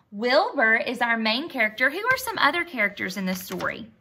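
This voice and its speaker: In a high, pushed and bright voice, a woman teacher performs an expressive storybook read-aloud and lesson for young children, posing easy questions and praising their answers.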